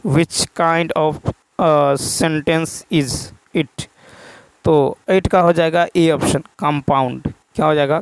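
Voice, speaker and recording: Reading English questions slowly, one word at a time, this exam prep teacher works through practice exam answers, repeating every key term and quizzing himself on the answer. His voice is fairly high and creaky. The recording is low quality, without echo.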